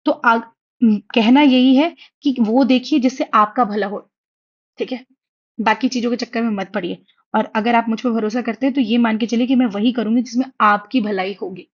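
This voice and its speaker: Young woman, exam prep teacher, high-ish voice, chatty, reassuring, slightly dull recording. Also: normal speed. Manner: chatty, reassuring, asks "theek hai?" often. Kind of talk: online lecture in Hindi-English mix. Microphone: writing on a tablet while teaching.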